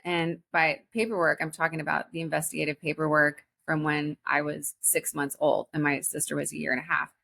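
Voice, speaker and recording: A woman in her forties speaks as a podcast guest, telling her own story. She talks earnestly and haltingly, restarting her sentences often. Her voice sits a little low for a woman. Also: flat delivery, gravelly, a bit bright. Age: 40s. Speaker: guest, spiritual teacher. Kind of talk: personal story in a podcast interview.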